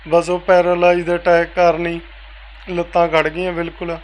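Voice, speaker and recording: A man speaks in a high, flat voice. He answers softly and casually in an interview. A faint background ambience sits under his voice. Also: normal speed, a little hiss or hum, rough recording. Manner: soft-spoken, repeats "veere" often. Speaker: interviewee, family member.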